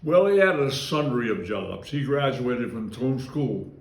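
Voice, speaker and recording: Speaking a little slowly in a roomy-sounding space, a Maryland man in his nineties chuckles as he reminisces about his childhood for an oral history interview. His medium-pitched voice is expressive, and he keeps drifting into rambling digressions.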